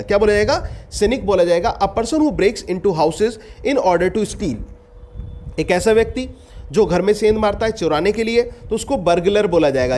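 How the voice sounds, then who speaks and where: A man, teaching an exam-prep vocabulary class. He reads each definition slowly, explains it, and repeats the answer as a question to his students. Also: sits high, a little mellow. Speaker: English teacher.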